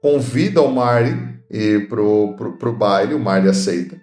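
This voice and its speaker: A man's voice: lowish voice, normal speed, a little mellow, reverberant, soft background music. A man co-hosting a podcast, chatting casually and recounting movie trivia with playful asides. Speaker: podcast co-host. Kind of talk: casual film chat.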